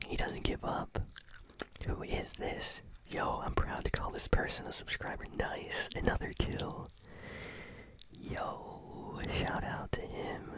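A gaming channel host whispering ASMR commentary while chewing gum and reacting excitedly to a match. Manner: whispering throughout.

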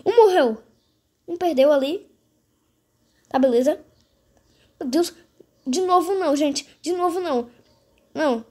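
Female gaming host, notably high-pitched, casual play-by-play aimed straight at viewers, repetitive phrasing. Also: a little slow, pauses often, mellow. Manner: repetitive, addresses viewers directly. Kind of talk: casual game commentary.

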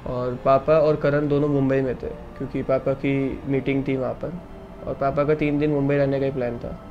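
A young man, a vlogger, quietly recounting a personal loss in a halting, somber way. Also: medium pitch, level tone. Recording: slightly dull recording with faint background noise.

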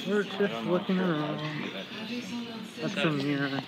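A man's voice: a little high, unhurried, heavy background noise. A young man filming himself on a handheld phone, casually narrating as he wanders through an indoor flea market. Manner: rambling, offhand commentary while walking. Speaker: vlogger. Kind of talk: casual walking vlog. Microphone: handheld phone camera at arm's length. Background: loud background music.

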